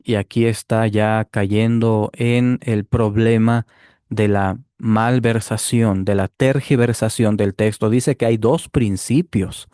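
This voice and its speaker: A man giving a deliberate Bible commentary, explaining step by step and checking in with the listener. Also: lowish voice, steady tone, dark tone, clear, resonant tone, no echo, studio quality. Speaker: Bible teacher rebutting a clip. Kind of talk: apologetics commentary.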